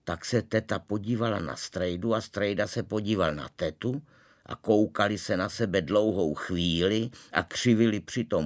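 A man reading a storybook aloud in a calm, wry, measured way, narrating as a young boy. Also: fairly low pitch. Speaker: reader.

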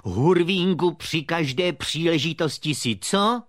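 A man's voice: fairly high pitch, expressive, a bit bright, no room sound, clean studio sound. A man playing a pompous, pedantic puppet father who lectures his son in a comic puppet theatre dialogue. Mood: lecturing.

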